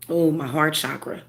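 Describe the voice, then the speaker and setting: In a casual monologue as a spiritual medium, a woman speaks in a low, gravelly, congested voice. She comes across as earnest and tender, stopping and restarting often amid many fillers.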